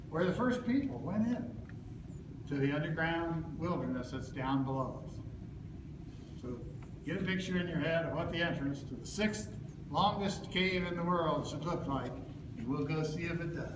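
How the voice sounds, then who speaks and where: A man working as a park ranger leads a group through a cave, explaining things patiently and often checking in with them. His voice sits fairly high. The recording is roomy and echoey, with loud background noise around him. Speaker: park ranger tour guide. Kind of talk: guided cave tour talk. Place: visitor center lobby, then inside a cave.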